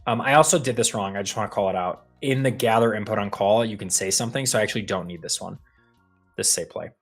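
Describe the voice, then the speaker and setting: Deep-voiced guy on a dev stream, laid back, muttering thru his build step by step. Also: fast talker, soft background music. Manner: thinks aloud while building, relaxed and meandering. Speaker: co-host building a coding demo. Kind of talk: casual live-stream walkthrough.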